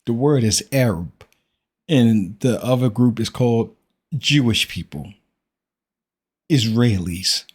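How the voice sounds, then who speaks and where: A man's voice: mid-range voice, expressive, slow pace, long pauses, slightly rough. A man hosting a reaction commentary, speaking in a critical, preachy way and firing off rhetorical questions.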